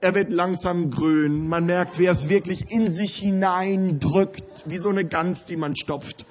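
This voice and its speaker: A man with a high voice tells a funny story, animated and often breaking into laughter. His storytelling builds toward a sermon point. The recording sounds dull and lo-fi. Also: unhurried. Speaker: preacher.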